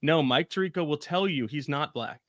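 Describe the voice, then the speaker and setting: Male guest, joking and self-deprecating banter, slightly high voice, dry close sound. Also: normal speed, fairly bright tone, no room sound. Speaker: guest comedian. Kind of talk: casual banter.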